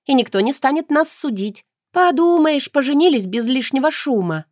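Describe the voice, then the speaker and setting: A woman's voice: high voice, expressive, normal speed, darkish tone, no room sound, clean studio sound, voice pushed up. Woman doing a feisty teasing young bride.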